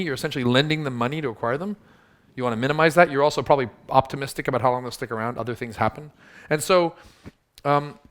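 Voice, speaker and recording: Guy rattling off a workshop talk real fast, punchy, teases the crowd. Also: mid-range voice, fairly bright tone. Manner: punchy, teasing the audience. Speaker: workshop speaker. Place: workshop room with audience.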